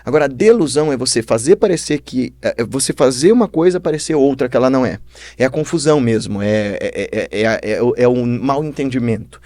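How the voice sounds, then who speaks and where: A Brazilian-accented philosopher, appearing as a podcast guest, explains ideas like an animated storyteller. He speaks fast at a medium pitch, with no echo.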